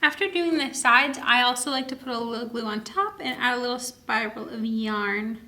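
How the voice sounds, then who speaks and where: At a moderate pace, a woman with a sharp, slightly high voice leads an animated children's story time. She reads the story aloud and keeps addressing her young audience directly, prompting them and asking them questions.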